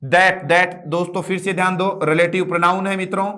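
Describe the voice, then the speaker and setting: A man with a Rajasthani Hindi accent teaching English grammar, reading example sentences slowly and drilling his students with frequent check-ins. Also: high-pitched, level tone, sharp tone. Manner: drills students, repeats "ठीक है" and "मित्रों". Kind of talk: classroom lesson.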